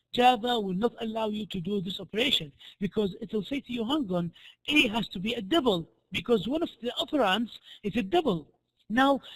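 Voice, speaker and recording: A man lecturing through worked examples in a hoarse, worn-out voice, halting and often repeating and restarting his phrases. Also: very high-pitched, rough recording. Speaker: programming lecturer.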